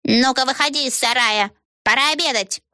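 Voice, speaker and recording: A spiteful old woman acted out by an audiobook narrator shouting orders at a child. Her voice is hard, sharp and tense, pitched a little high, and she scolds as she calls out. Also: moderate pace, smooth, dry recording, studio quality. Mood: scolding. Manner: bellowing and scolding. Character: harsh, mean old woman guardian. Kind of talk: audiobook voice acting.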